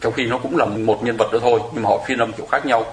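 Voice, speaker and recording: A man's voice: medium pitch, steady tone, fast talker. A man giving a chatty, explanatory Buddhist sutra lecture to a congregation, with small laughs now and then. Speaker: Buddhist dharma teacher. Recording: echoey room.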